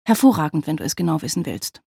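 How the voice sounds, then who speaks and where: Former painter, wife, brisk and defensive, gravelly husky tone, as a reader puts her on. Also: mid-range voice, sing-song, warm tone, no echo, clean studio sound, heavily acted. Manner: brisk, exasperated retorts.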